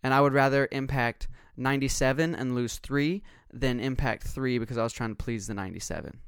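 A man's voice: mid-range voice, fairly even intonation, brisk, a bit bright, smooth, no room sound. Intense, passionate man in dry close sound. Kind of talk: casual conversation.

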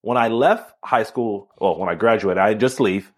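A man in his thirties from Miami, an author and speaker telling his story with energy as a podcast guest. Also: fairly low pitch. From Miami, Florida. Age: 30s. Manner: energetic, animated storyteller, talks fast. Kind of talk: casual interview storytelling.

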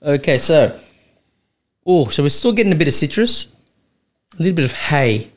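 A podcast co-host, a man with a voice pitched a little above the usual, talks in a relaxed, wry way while tasting wine with a friend. He laughs easily and keeps the chat light. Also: moderate pace. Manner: wry, chatty, laughs often.

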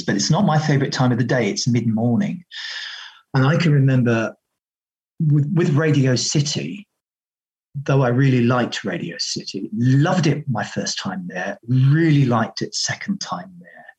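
A man's voice: mid-range voice, lively intonation, measured pace, a little mellow, slightly rough, poor audio. A middle-aged man, a radio presenter reminiscing conversationally in an interview. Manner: conversational anecdotes, quoting others' remarks.

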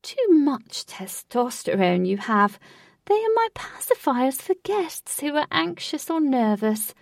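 A woman reading a storybook, voicing a smug, theatrical male host who speaks slowly and grandly. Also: on the high side, big pitch swings, dry recording, clean studio sound, far from the mic, voice pushed up, full character voice. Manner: slow, drawn-out, lofty phrasing.

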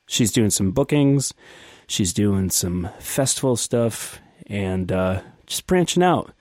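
A man hosting a casual podcast, talking in a relaxed, enthusiastic way. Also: fairly low pitch, slow pace, no echo, clean studio sound. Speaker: podcast host.

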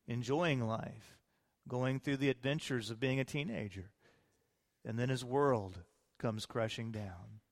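A man preaching a sermon as pastor from a pulpit microphone in a church, casual and joking, putting questions to the congregation. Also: mid-range voice. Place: church sanctuary. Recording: long hall reverb in a church.

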